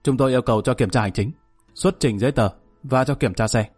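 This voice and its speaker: Brief: man playing a clipped, by-the-book cop, brisk and flat. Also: mid-range voice, husky, dry recording, faint music behind, natural voice. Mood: stern. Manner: officious, curt. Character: curt male traffic police officer.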